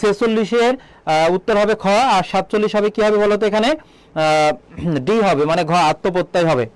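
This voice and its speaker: A man teaching an online exam-prep lesson, asking students questions, answering them himself and repeating key words slowly. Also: high voice, smooth, no room sound. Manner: quizzes students, then answers his own questions. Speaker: admission exam tutor.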